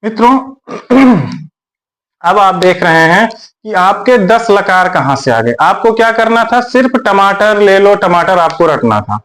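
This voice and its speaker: Male tutor, unhurried delivery, repeats drills, keeps clearing his throat. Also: sits high, lively intonation, fairly bright tone. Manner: repetitive, drills syllables aloud. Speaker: teacher. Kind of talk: exam-prep grammar lesson.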